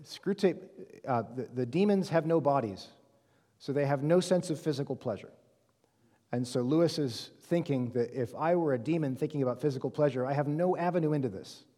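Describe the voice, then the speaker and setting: A man with a mellow, warm voice teaches a study group in a relaxed, conversational lecture. He keeps checking in with "right?" and "okay?" and fills pauses with "um" as he works through his points. His voice carries a long reverb from the hall around him. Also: medium pitch. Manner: frequent "um" fillers and self-corrections. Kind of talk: classroom lecture. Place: reverberant room with a live group.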